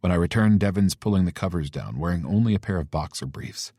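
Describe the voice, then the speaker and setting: A man narrating a romance novel in first person, with a low, intimate reading manner. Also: lively intonation, fast talker, dark tone, no room sound, studio quality. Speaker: audiobook narrator.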